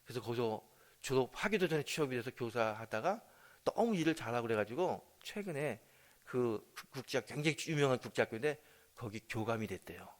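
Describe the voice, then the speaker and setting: A man's voice: medium pitch, brisk. Guy pastor preaching, storytelling mode, acts out the dialogue, keeps asking the congregation stuff. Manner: lively storytelling, acting out family dialogue; addresses the congregation with questions. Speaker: senior pastor. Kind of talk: sermon with storytelling.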